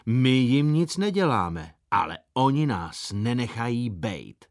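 A pompous boy chieftain, as a man reads him out, rallying his gang with solemn mock-war grandeur in a storybook. The voice sits a little higher and swings lively up and down. It is recorded dry and close. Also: no room sound, close to an everyday voice. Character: excited boy gang leader rallying friends.

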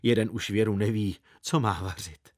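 A man voicing a practical mother who speaks in a dry, resigned, measured way in a storybook reading. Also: on the low side, close to an everyday voice. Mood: wry. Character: wry, practical mother of the family.

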